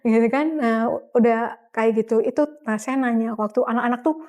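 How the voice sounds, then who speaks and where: A woman's voice: a little high, fairly quick, darkish tone. A middle-aged woman, telling her story as an interview guest in a casual, chatty way with frequent laughs and fillers.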